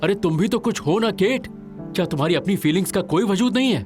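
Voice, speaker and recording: An actor dubbing an idealistic, frustrated garden manager who argues pressingly. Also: male voice, medium pitch, fast talker, lightly acted. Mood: exasperated. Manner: pressing, argumentative. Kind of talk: Hindi movie dub. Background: background music.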